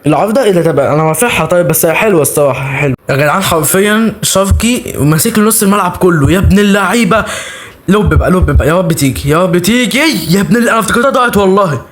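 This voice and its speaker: A young Egyptian man with an Egyptian Arabic accent hosts a gaming channel, cheering his players on with excited live commentary as he plays. His voice sits high and he talks very fast.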